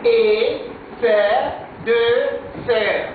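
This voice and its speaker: Guy teaching french super slow, keeps repeating words, tinny phone-like sound. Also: very high-pitched, slight background noise. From Nigeria. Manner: slow and deliberate, repeats words and corrects pronunciation. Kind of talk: recorded classroom language lesson. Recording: echoey, far from the mic, tinny lo-fi sound.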